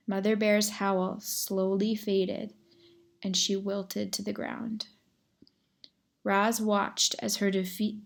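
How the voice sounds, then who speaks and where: A woman reading a children's novel aloud as narrator, measured and expressive, sometimes addressing the reader directly. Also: mid-range voice, vocal fry.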